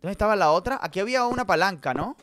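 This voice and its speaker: Male streamer, live game commentary, high pitch, very animated, addresses chat. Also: rapid-fire, a little hiss or hum. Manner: excitable, talks to chat, swings from mumbling to loud outbursts. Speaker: gaming streamer. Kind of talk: live let's-play commentary.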